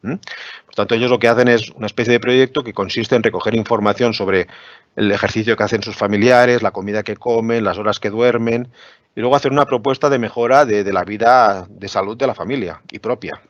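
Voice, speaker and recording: A man's voice: lowish voice, steady tone, a little fast, no echo. A man giving an academic lecture on education with slides, explaining patiently and often asking "¿no?" to check that listeners follow. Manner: explanatory, many "¿no?" tag questions. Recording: dry, dull lo-fi webinar audio.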